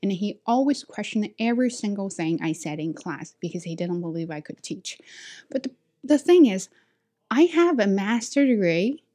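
This English teacher from China is young, with a Chinese accent and a warm, medium-pitched voice. Her intonation is lively and her pace moderate. She recounts personal experiences casually, often restarting sentences and leaning on fillers.

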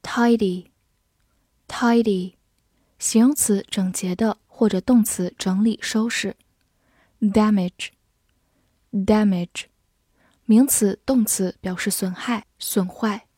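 A woman reads a vocabulary review at a very slow pace, saying each word twice with deliberate care. Her tone is mellow and dark, recorded dry and close. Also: mid-range voice, steady tone, husky, no room sound. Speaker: vocabulary teacher.

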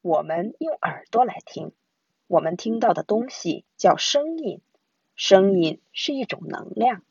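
A woman reading a children's science picture book aloud in an expressive storytelling way. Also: mid-range voice, measured pace, gravelly, slightly rough, no room sound, lo-fi sound. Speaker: storybook reader.

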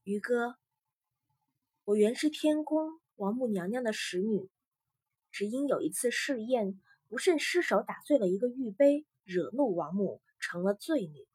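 Gentle, tearful young sea maiden read by a woman; soft, pleading, slightly raised pitch. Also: lively intonation, a little slow, husky, no echo, studio quality. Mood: tender.

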